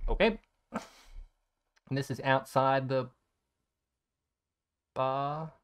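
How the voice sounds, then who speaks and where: A man's voice: medium pitch, steady tone, extremely slow, clean tone. A young man telling a rambling, sarcastic story in a casual chat, swearing freely as he looks through his photos. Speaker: content creator.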